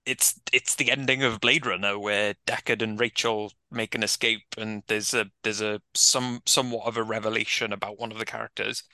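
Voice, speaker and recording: A man co-hosting a casual film discussion, talking in a relaxed way and laughing between his points. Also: lowish voice, normal speed, few pauses, dry recording. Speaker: podcast co-host.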